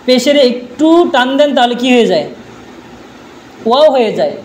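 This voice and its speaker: A man's voice: extremely high pitch, big pitch swings, normal speed, slight background noise. A man teaching a grammar lesson, drilling his students with repeated questions and answers, speaking.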